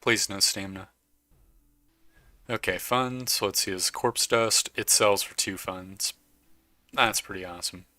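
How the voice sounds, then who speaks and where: A man's voice: lowish voice, unhurried, pauses often, bright, forceful tone, dry recording. A man casually commenting while playing a video game, chatting and reading the game's text aloud. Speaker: gaming YouTuber. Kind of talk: casual let's play commentary.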